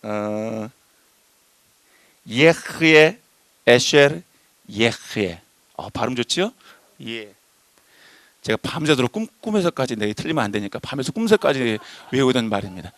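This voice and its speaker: A man preaching a sermon, animated and emphatic, addressing the congregation directly. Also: moderate pace, no room sound. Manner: animated, voices shifting pitch and loudness for emphasis.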